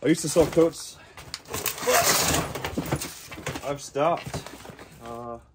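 A man's voice: on the high side, very animated, extremely slow, very noisy. A man giving casual commentary to himself as he digs through boxes in a cluttered storage locker. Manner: mutters to himself while digging through boxes. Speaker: reseller vlogger.

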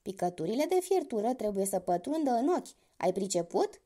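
A woman voicing a clever young male hunter in a spoken fairy tale, calm, sly and commanding. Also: medium pitch.

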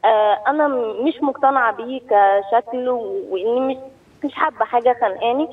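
A young woman from Cairo with an Egyptian accent, calling in to a radio show over the phone and telling her story in an earnest, halting way. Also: a little high, husky. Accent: Cairene Egyptian Arabic. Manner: earnest, halting, with frequent pauses. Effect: phone call heard over the radio. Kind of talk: telling a personal story on air. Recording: tinny distant phone line.

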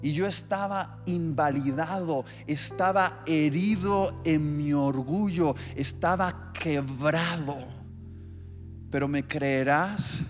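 Preacher in a reverberant hall. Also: male voice, on the high side. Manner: vivid storytelling with acted-out scenes. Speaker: pastor. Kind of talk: sermon. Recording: long hall reverb with soft music.

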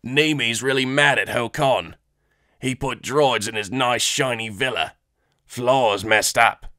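A man voicing a frightened alien male informant who pleads in broken, halting speech. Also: medium pitch, sharp tone, no echo, studio quality. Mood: pleading.

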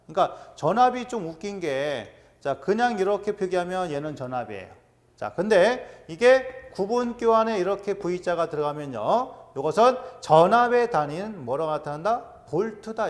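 A middle-aged man teaching an exam-prep lecture, drilling terms and quizzing his students with quick questions. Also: a little high. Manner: animated, drills terms with "자" and quiz-style questions. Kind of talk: classroom lecture.

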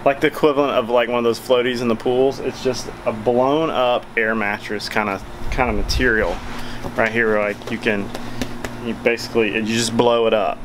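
A man's voice: medium pitch, steady tone, normal speed, noisy background. A man, giving a chatty, folksy product review outdoors on a covered backyard patio, filming with a handheld camera at arm's length. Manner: chatty, filler-heavy, folksy. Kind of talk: casual product review vlog.

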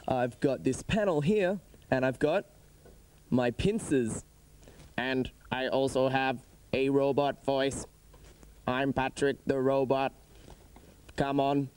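A man playing a friendly male robot in a children's TV show, talking in a put-on robot voice with slow, stiff, helpful phrasing. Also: medium pitch, a little mellow, slight background noise, natural voice. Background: music.

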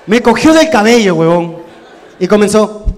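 A man performing crude, animated stand-up comedy with sudden shouted bursts. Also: sits high, moderate pace. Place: live comedy venue with audience. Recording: live hall with reverb, crowd noise.

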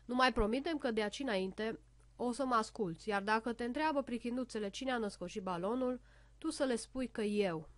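A woman's voice: fairly high pitch, no echo, natural voice. A woman reading a storybook aloud, voicing a boastful little boy who disguises his voice to play doctor and gives orders. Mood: reassuring. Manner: bossy, commanding.

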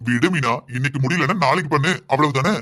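A man voicing a gentle, naive husband in a cartoon, soothing his wife. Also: mid-range voice, fast, voice pushed down.

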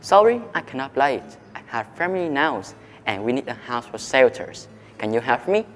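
A man's voice: medium pitch, very animated, normal speed, a bit bright, big-room sound, slight background noise. A man voicing a grown man with a family who asks the tree for help. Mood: pleading.

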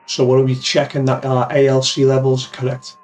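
A man in his fifties who makes amateur radio videos gives a casual software tutorial with a demonstration from his small, cluttered home office. Close on a boom-arm studio mic with a pop filter, his mid-range, darkish voice runs a bit fast and monotone as he explains each step plainly and calls his viewers "guys."

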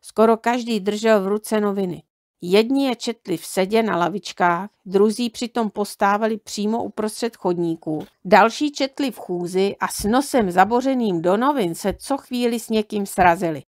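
A woman reading a children's book aloud in a calm, measured way. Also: mid-range voice, no echo, studio quality. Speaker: audiobook reader.

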